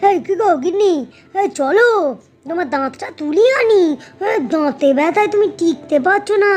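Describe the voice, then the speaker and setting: A woman voicing a forgetful ghost husband in a cartoon. He fusses and nags in a hurried way. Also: very high voice, darkish tone, faint music behind. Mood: nagging. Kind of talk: cartoon voice acting.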